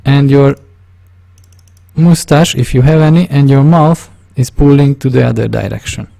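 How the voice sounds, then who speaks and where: Speaking into a desk microphone, a Hungarian-accented man narrates a casual screen-recorded drawing tutorial. His mid-range voice is mellow and gravelly. He often pauses to search for words and corrects himself as he goes.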